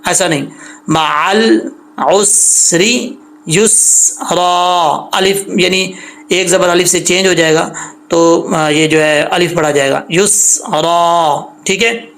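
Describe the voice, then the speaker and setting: A man teaching Quran recitation, spelling out letters and vowel marks and stretching each sound out slowly between plain explanations. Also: high-pitched, fairly even intonation, a bit bright. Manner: slow, drawn-out letter-by-letter recitation alternating with quicker explanation. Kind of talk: tajweed lesson, explaining and demonstrating recitation.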